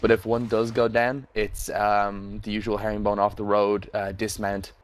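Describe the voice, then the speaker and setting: A man's voice: lowish voice, little pitch movement, moderate pace. A man giving a casual, matter-of-fact briefing as a commander in a military game, with some hesitation. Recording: faintly noisy online voice chat with clicks.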